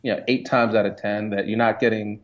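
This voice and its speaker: Man from Jamaica, interview guest, low voice, casual and relaxed, dull muffled recording. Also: fast. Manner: relaxed, conversational, many fillers. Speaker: guest, entrepreneur and photographer. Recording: dull lo-fi sound.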